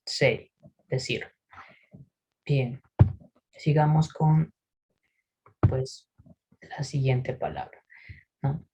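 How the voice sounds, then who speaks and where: A man teaching English pronunciation in a recorded lesson, patiently explaining and often checking in with a quick "¿sí?". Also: medium pitch, a little mellow, husky, rough recording. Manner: models English words slowly for repetition.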